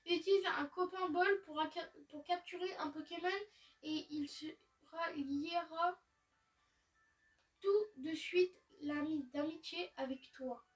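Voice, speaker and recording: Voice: extremely high pitch, fairly even intonation, slow pace, far from the mic. A gamer reading aloud the lines of a boastful, cheerful teenage rival in a video game. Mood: cocky.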